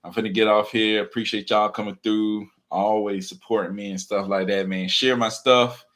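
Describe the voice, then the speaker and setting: A man's voice: lowish voice, level tone, normal speed, a bit bright. A man talking casually and earnestly to camera, encouraging viewers and filling his speech with "man" and "you know what I'm saying". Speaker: teacher and real estate wholesaler vlogger. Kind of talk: casual motivational talk to camera.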